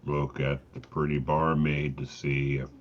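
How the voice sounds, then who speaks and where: Very deep, brash man on a dull mic. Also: little pitch movement, measured pace. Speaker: player. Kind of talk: in-character tabletop play. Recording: dull lo-fi mic with faint ambience.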